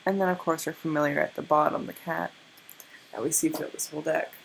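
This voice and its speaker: A woman's voice: sits low, fairly even intonation, fast, gravelly, noisy background. Tired young woman with a stutter. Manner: stutters, with many restarts. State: tired from little sleep, yawning. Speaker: tarot reader. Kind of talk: casual tarot card reading.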